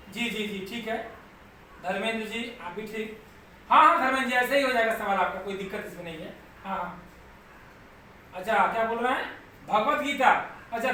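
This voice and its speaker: A bright-voiced male teacher leads a live online class. He goes patiently step by step and keeps asking whether everyone has understood. His voice sounds distant in a very echoey room with faint noise behind it. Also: very high-pitched. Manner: patient, repeats steps, keeps checking students follow.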